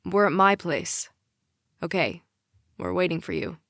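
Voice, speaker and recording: Female reader doing a steady teen boyfriend: gentle, reassuring, slightly low, dry close audiobook sound. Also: a little slow, creaky, dry recording. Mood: calm. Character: teenage boy, protective boyfriend, steady.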